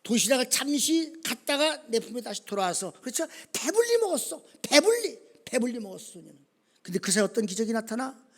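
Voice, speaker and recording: A male pastor preaching a sermon, swinging from quiet talk to shouted calls and often asking the congregation questions. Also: extremely high pitch, quick pace. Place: church sanctuary.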